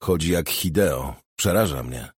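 A restless, streetwise young woman who teases and probes, her lines delivered by a man in a husky, low voice. The sound is dry and close, with no room around it. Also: lively intonation, unhurried, no room sound, heavily acted. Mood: teasing.

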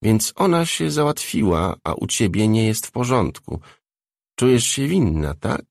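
A man's voice: fairly low pitch, big pitch swings, measured pace, creaky, dry recording, studio quality, voice pushed up, exaggerated voice. A man voicing a tough, mocking, streetwise woman in a storybook reading, blunt and needling. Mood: brusque.

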